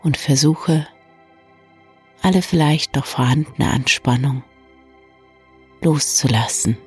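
A person gently guiding an evening relaxation in a soft, hushed, soothing voice with long pauses. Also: mid-range voice, breathy edge. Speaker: meditation guide and bedtime story reader. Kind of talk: soft, soothing guided meditation for bedtime. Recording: soft new-age music bed. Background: calm new-age music.

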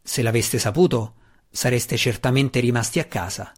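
A man voicing an earnest, wry dark elf warrior, speaking in a pressing, slightly raised voice. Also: medium pitch, normal speed, lightly acted.

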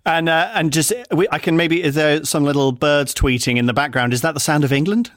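A man's voice: a little high, fairly even intonation, fairly quick, fairly bright tone, no room sound, studio quality. A man hosting a comedy podcast, upbeat and laughing often as he jokes with his guests. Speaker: podcast host.

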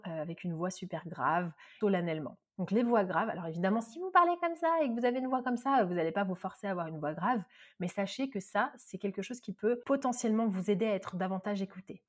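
A woman from France hosting a self-help podcast, talking very fast and lively as she gives advice. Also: medium pitch. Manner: very fast, lively talker with many examples. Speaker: podcast host and coach.

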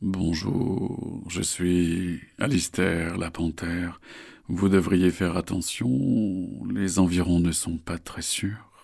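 A man doing a raspy, sly panther. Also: low-pitched, steady tone, a little mellow, full character voice. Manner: slow, smooth and falsely reassuring. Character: slow, sly male Florida panther.

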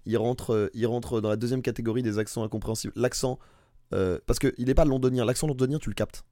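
A man co-hosting a podcast in casual chat, rambling with restarts and getting animated about comedy. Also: mid-range voice, fast, no echo, clean studio sound. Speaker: podcast co-host.

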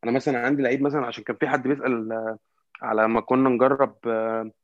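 A man with an Egyptian Arabic accent in casual football discussion, halting and repetitive as he searches for words. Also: mid-range voice, little pitch movement, dry recording, muffled recording. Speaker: football fan commentator.

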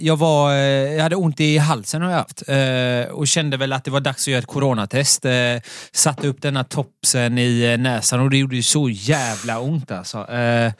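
A man co-hosting a podcast in a relaxed, easygoing way, with some hesitant fillers. His voice sits at an average pitch. The recording is dry and close. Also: few pauses, no echo. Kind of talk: casual chat.

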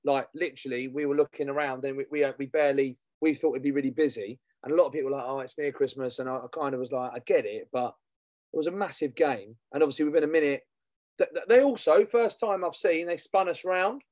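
A man talks in a slightly high-pitched voice, recorded very dry. He co-hosts a casual football show. His delivery is chatty and colloquial, full of banter. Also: quick pace, a little mellow, no echo. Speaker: podcast co-host.

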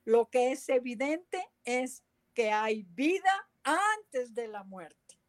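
A woman from Rica, a guest speaking in a measured, thoughtful way in a casual chat. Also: sits high, animated. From Costa Rica.

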